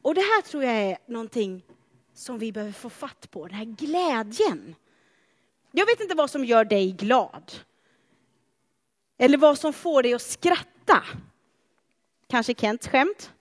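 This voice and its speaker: A woman with a high, bright-pitched voice delivers a sermon. She talks in a chatty, animated way and turns to the congregation with playful asides. Her voice rings with the long reverb of a church. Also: long pauses. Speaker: preacher.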